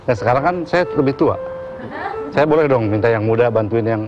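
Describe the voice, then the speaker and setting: A man's voice: medium pitch, brisk, lo-fi sound, music in the background. A middle-aged man who is a comedian guest, speaking in a mock-formal manner like an older man.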